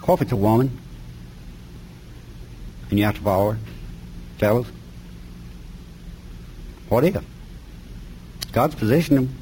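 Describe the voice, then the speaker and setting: A man's voice: medium pitch, expressive, measured pace, pauses often, mellow, slight background noise, poor audio. A middle-aged man from the North Carolina mountains with an Appalachian accent, preaching a sermon and reading scripture in a folksy, plain-spoken way with colloquial grammar. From mountains of North Carolina, USA.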